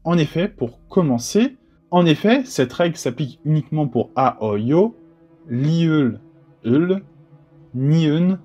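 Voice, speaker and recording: A man teaching an online grammar lesson in a relaxed, chatty way, dropping joking asides between rules. His voice is mellow and dark, with a husky, slightly breathy edge. Faint music plays underneath. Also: a little high, takes it slowly, lo-fi sound. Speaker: Korean language teacher.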